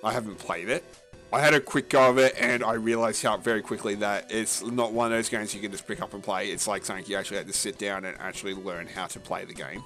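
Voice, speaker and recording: A man's voice: lowish voice, fairly even intonation, a bit bright, faint music behind. Rambling casual man on a gaming podcast. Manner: rambling, halting, with many fillers and restarts; casual and profane. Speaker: podcast co-host.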